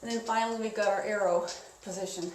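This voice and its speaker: A woman instructing an indoor spin class in a casual, conversational coaching style, giving gently encouraging cues. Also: mid-range voice, steady tone, fast talker. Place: indoors, echoey room. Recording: echoey room, distant mic, clear noise.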